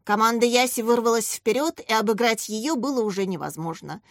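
A woman narrating a children's story as an audiobook in a steady, expressive way. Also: a little high, a little fast, no echo, clean studio sound.

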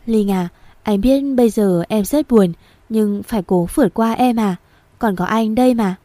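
A woman voicing a gentle, caring young man who speaks softly and coaxingly. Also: medium pitch, normal speed, dry recording, natural voice. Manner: soft, coaxing.

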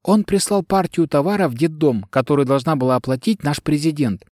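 A man's voice: fairly high pitch, fairly quick, darkish tone, dry recording, clean studio sound, voice pushed up, lightly acted. A man reading an audiobook, voicing a frightened, defensive middle-aged woman who talks in an agitated, self-justifying way. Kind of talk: audiobook character dialogue.

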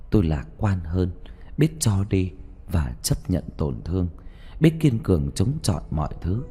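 A man reading a first-person story aloud in a slow, emotive, mournful narration. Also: low voice. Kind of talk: dramatic audiobook narration. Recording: soft music bed behind.

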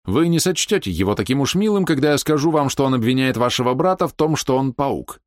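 A man voicing a blunt young gentleman who presses his accusations sharply and hurriedly. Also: mid-range voice, expressive, fast, no echo, clean studio sound, voice pushed up, lightly acted. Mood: heated.

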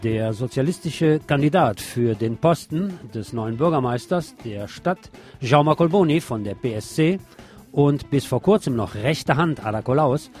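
Music sits behind this man as he presents scripted local news with opinionated remarks, acting as a radio show host. His voice is medium in pitch with a darkish tone.

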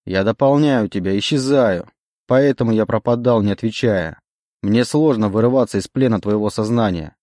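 A man's voice: on the low side, normal speed, mellow, no echo, clean studio sound, lightly acted. A man voicing a possessive demon bound to a young man's soul, pleading and insistent in an audiobook reading. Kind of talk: audiobook character voice.

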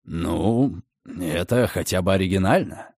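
A sly gentleman with a cold, menacing edge, his voice dropped low and quiet into an amused drawl, as a male narrator plays him. The recording is dry and close. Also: unhurried, no echo. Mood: mocking.

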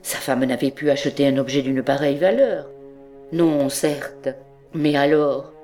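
A woman reading a classic story aloud as an audiobook, in measured narration. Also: rumbling low, dark tone, faint music behind. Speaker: audiobook reader.

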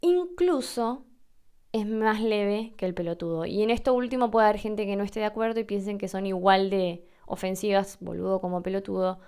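A woman's voice: mid-range voice, moderate pace, a little mellow. A woman from Argentina with an Argentine Spanish accent, hosting a podcast and patiently explaining language questions from listeners. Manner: clear, patient, explains step by step.

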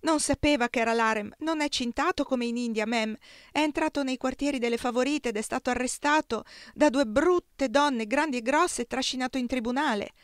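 A woman doing a shrill, panicked maidservant. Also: brisk, no echo, clean studio sound, close to an everyday voice. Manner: shrill, pleading. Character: Bibi, frightened woman servant, shrill, desperate.

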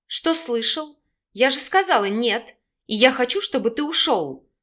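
Storybook heroine: young, fiery, sarcastic and sharp-tongued , read by a woman. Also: on the high side, animated, a little slow. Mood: defiant. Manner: sarcastic, yelling.

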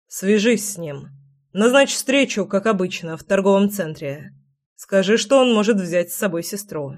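A woman voicing a thoughtful male leader who lays out plans in a measured way. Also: mid-range voice, animated, a little mellow, lightly acted. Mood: calm. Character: thoughtful male clan leader, calm planner.

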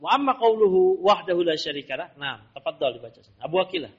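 Man, teacher, religious lesson, husky voice, dull lo-fi recording. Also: high voice, animated, quick pace. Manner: quizzing students with rhetorical questions. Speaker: Islamic teacher.

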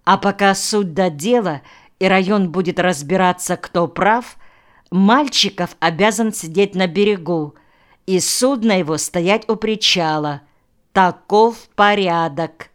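A woman's voice: lowish voice, measured pace, lightly acted. A woman reading the lines of a fussy, suspicious male village official who keeps pressing his point. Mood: officious. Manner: insistent, officious.

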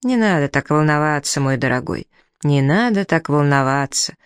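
A man voicing a calm young male country doctor who speaks gently and soothingly, in a storybook reading. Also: on the high side, moderate pace, clear, resonant tone, dry recording, clean studio sound, lightly acted.

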